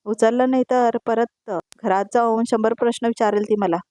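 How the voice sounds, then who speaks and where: A woman's voice: fairly high pitch, steady tone, moderate pace, warm tone, dry recording, lightly acted. Flustered scared husband, pleading, slightly raised voice, read by a woman, dry close sound. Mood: panicky. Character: panicky husband afraid of his wife.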